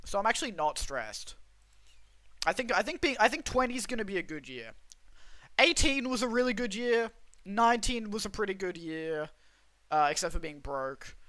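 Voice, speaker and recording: Chatting loosely with his stream's viewers, this young Australian man rambles and keeps interrupting himself while reading chat. His voice sits high and sounds pushed and bright, with no echo.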